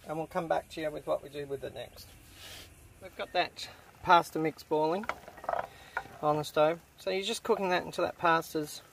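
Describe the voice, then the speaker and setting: A camp cooking host, set up in a canvas tent kitchen at a campsite, demonstrates a simple recipe casually, chatting his way through each step. His voice is a little high for a man, and the outdoor camp audio has clear background noise throughout.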